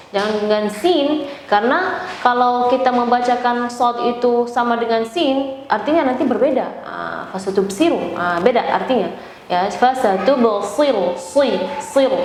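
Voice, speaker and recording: An Indonesian woman gives a recitation lesson in a fairly high voice. She is encouraging and over-enunciates, drawing out and stressing syllables as she models them. The room is echoey, with faint noise behind her. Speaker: Quran recitation teacher. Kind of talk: recitation lesson with feedback and demonstrations.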